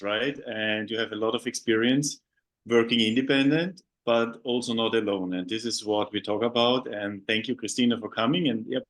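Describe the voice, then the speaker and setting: A man hosting an interview podcast, his voice sitting at an ordinary middle pitch. He asks his questions haltingly, often stopping to repeat a word or restart a phrase. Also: a bit bright. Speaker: podcast host. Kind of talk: conversational interview.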